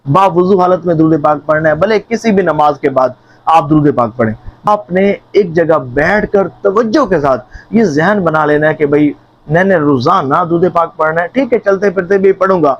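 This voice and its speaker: Guy giving a sermon, kinda high voice, keeps urging and repeating himself, dull lo-fi sound. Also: no echo. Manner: earnest, exhorting, repeats phrases for emphasis. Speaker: religious speaker. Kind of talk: preaching to viewers.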